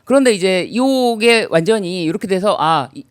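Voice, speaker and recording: A woman, a lawyer and guest on a live interview show, recounting events with animated storytelling. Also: mid-range voice, normal speed, clear, resonant tone, no echo, studio quality. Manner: animated storytelling, acts out quotes. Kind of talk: live current-affairs interview. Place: broadcast studio.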